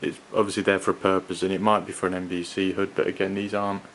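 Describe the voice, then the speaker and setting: A gas mask collector with a low, flat voice gives an unscripted, hands-on review of some gear. His delivery is hesitant, halting and rambling, and background noise is clearly audible.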